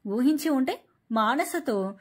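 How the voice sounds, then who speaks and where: Female storyteller, high pitch with a breathy edge, scripted story narration. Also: expressive, slow pace.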